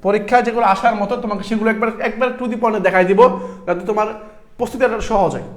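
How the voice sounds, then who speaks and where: High-voiced young male tutor, drills exam questions by repeating them. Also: fairly even intonation, rapid-fire. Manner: repeats questions and answers, addresses students as brothers. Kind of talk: exam-prep class lecture.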